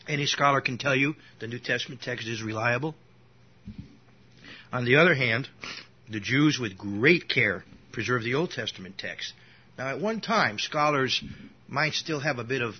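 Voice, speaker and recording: A man with a husky voice teaches an informal Bible lesson, often stopping to restart his sentences. His pitch sits in the middle range. The recording sounds dull and lo-fi. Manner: rambling, with frequent restarts and asides. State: coughing now and then.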